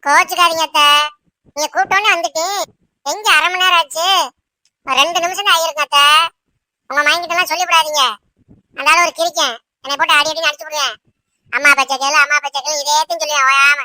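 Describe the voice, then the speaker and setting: A woman's voice: high-pitched, fairly even intonation, fast, pauses often, bright, forceful tone, dry recording. A woman voicing a put-upon young daughter-in-law in a cartoon, pleading and grumbling under her breath. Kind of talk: cartoon voice acting.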